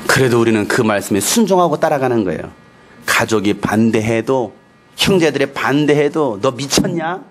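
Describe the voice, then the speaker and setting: A male pastor preaching a sermon, animated and playful, telling stories and acting out quotes. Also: mid-range voice, normal speed.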